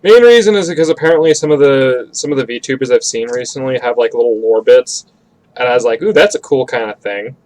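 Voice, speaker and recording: A man's voice: medium pitch, lively intonation, fairly quick, a little mellow. A man chatting casually on a stream while drawing, rambling and swearing freely. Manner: rambling, profane.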